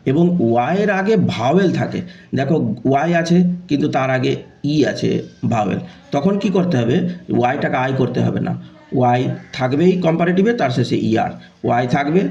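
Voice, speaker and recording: A man with a gravelly, dark voice teaches grammar to students in an online lesson. He recites word forms in a steady chant, lifting his pitch to announce each rule. The recording sounds dull and lo-fi.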